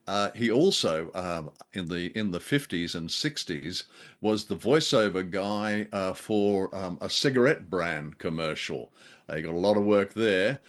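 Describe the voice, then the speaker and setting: A man co-hosting a podcast, chatting in a wry, chuckling way as he reviews an old radio play. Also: low-pitched. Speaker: podcast co-host. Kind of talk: casual review discussion.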